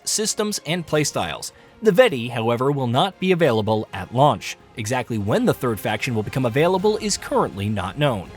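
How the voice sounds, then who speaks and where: Lively countdown narrator, higher-voiced man. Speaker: video narrator. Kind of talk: scripted top ten countdown narration of a video game.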